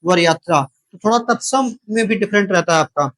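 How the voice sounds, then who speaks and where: Male tutor, high pitch, drills students with constant rhetorical questions and repetition. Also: expressive, fairly quick, fairly bright tone. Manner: keeps asking rhetorical questions and repeating the answers; addresses viewers directly, calls them brother. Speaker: Hindi exam-prep teacher. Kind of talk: spoken lesson, drilling spellings.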